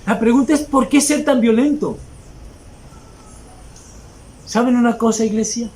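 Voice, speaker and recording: A man's voice: very high-pitched, a little slow, darkish tone, a little hiss or hum, poor audio. A man preaching a sermon as pastor, emphatic and mocking hypocrites in mimicked asides.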